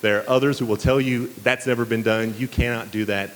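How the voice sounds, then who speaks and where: A man's voice: mid-range voice, steady tone, brisk. A man giving an earnest speech to students at a banquet, with many fillers and restarts. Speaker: banquet speaker. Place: banquet hall. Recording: reverberant hall with faint hiss.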